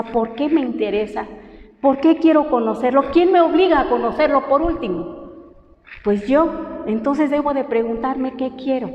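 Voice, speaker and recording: A woman from coastal Oaxaca, a native Mixtec speaker with a Mexican accent, teaching a language class in a patient, encouraging way and often restarting her sentences. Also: high-pitched. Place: university classroom. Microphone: teacher's own microphone. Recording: roomy hall echo, slightly dull.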